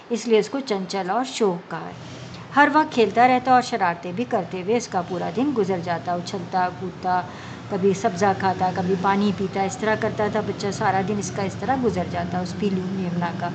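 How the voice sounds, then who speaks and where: Woman teacher explaining a story slowly. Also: mid-range voice. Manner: reads a line then explains it in simple words. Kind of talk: reading and explaining a story to young pupils. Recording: dull lo-fi recording with faint background hum.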